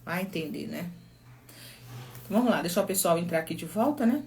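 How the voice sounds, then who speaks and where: A woman's voice: lowish voice, expressive, fast, vocal fry, a little mellow, slight background noise. A middle-aged woman with a Brazilian Portuguese accent, a psychologist chatting casually on a phone live stream, telling stories and reading viewer comments aloud.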